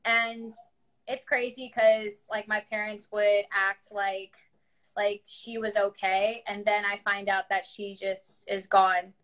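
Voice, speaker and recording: A woman's voice: mid-range voice, flat delivery, slow, fairly bright tone. A young woman from New York with a New York accent, chatting candidly about her music on a livestream. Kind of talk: casual livestream chat.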